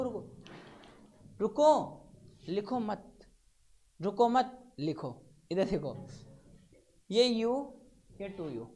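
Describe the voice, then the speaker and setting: A man teaches physics to a classroom. He questions his students step by step as he works through the problem, keeping the lesson moving. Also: sits high. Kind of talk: classroom lecture.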